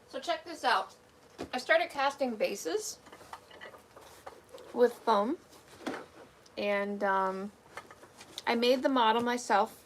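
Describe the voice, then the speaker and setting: A woman's voice: medium pitch, fairly bright tone. Young woman, livestream chat, casual, tired voice, faint background noise. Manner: chatty, answers viewer comments. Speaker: livestreamer making fursuits.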